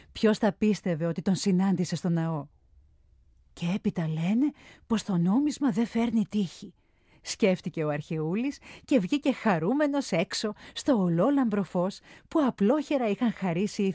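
Brief: female storybook narrator, clear expressive delivery, dry booth sound. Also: medium pitch, no room sound.

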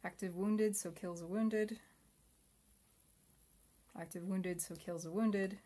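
A young adult woman playing a solo board game and then reviewing it. She mutters quietly while she plays and turns chatty and upbeat when she reviews. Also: mid-range voice, steady tone, takes it slowly.

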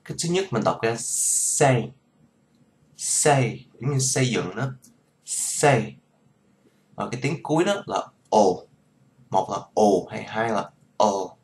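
A man's voice: on the low side, very animated, creaky, darkish tone. A man, a native Vietnamese speaker, casually teaching English pronunciation and repeating each model word several times. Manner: slow, repeats model words many times. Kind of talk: casual pronunciation lesson vlog.

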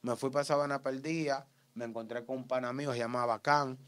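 Dominican man, street slang, tells it animated with shouts and bang sounds, mid voice, dry mic. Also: medium pitch, a little fast, smooth, dry recording. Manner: animated, acts out shouts and gunshots. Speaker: interview guest giving testimony.

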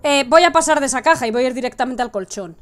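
A young woman with a Spanish accent giving excitable live gameplay commentary, swinging from hushed coaxing to sudden shrieks. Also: sits high, fast talker. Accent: Spain Spanish. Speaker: gaming streamer.

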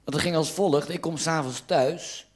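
A man with a Dutch accent telling stand-up jokes in a lively storytelling manner. His voice sits a little higher than most men's. He jumps up in pitch for quoted lines and drops back for the narration. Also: moderate pace. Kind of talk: joke telling.

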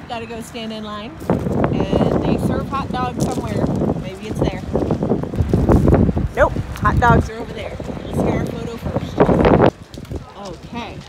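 Woman, 30s, hiker vlogger, slow easy delivery, phone mic outdoors, heavy wind noise. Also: a little high. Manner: chatty, upbeat, wry asides. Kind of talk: casual vlog narration. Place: outdoors on a windy mountain trail and summit. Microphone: phone at arm's length.

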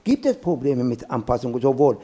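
A man in his fifties from Iran, speaking German with an Iranian accent on a panel, with halting restarts and fillers, holding a handheld mic. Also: medium pitch, big pitch swings, mellow. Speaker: professor, panel guest. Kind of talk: panel discussion. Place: small event studio with glass wall.

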